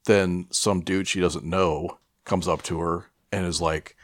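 A man co-hosting a podcast casually retells a film plot in a rambling, irreverent way, full of profanity. His voice is low with fairly even intonation, and he speaks a little slowly.

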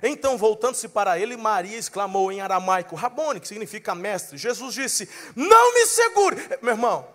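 A man preaching a sermon, dramatic and animated, acting out scenes in different voices and rising to shouts at the peaks. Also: sits high, a little fast, few pauses.

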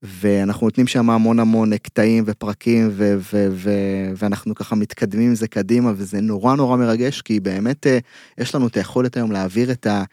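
A middle-aged man with an Israeli accent, a mental coach giving earnest, emphatic motivational talk in an interview, pausing mid-phrase. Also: fairly low pitch, fairly even intonation, dark tone, dry recording, clean studio sound. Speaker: mental coach, podcast guest.

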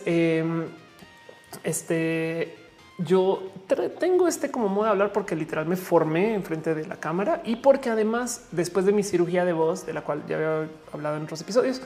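A woman's voice: on the low side, darkish tone. A woman in her forties with a Mexican accent, casually chatting and reading viewer comments aloud, laughing often. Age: 40s. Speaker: streamer answering chat. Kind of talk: casual live chat.

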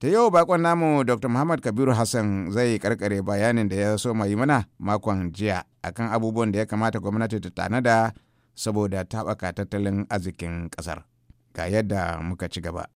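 A man's voice: fairly low pitch, fast. A man with a Nigerian Hausa accent hosting a radio interview, echoing and completing his guest's points. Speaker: radio host.

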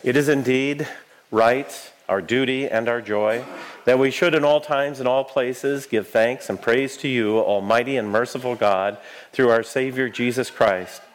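A man with a mid-range voice leads a church service as its pastor. He recites prayers and liturgy formally, in measured phrases. His delivery is solemn throughout. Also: mid-range voice, slight background noise. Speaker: Lutheran pastor leading worship.

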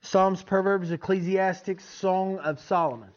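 High-voiced man preaching. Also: steady tone, measured pace, darkish tone. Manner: folksy, joking, checks in with listeners. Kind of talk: informal teaching sermon. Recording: dull, lo-fi sound.

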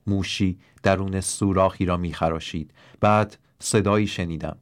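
A man reading a first-person story aloud in a measured, steady narration. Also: deep voice, clean tone, no echo, clean studio sound. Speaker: audiobook narrator.

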